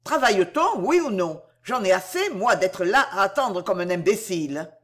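A woman puts on a grumpy gentleman, impatient and easily embarrassed, in a storybook reading. He grumbles in short, clipped phrases with an animated melody. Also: mid-range voice, measured pace. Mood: grumbling impatient.

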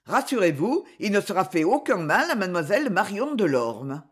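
A reader voicing a sly male spy who speaks calmly and coldly, always calculating. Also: mid-range voice, moderate pace, breathy edge. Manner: cold, calculating. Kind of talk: audiobook reading.

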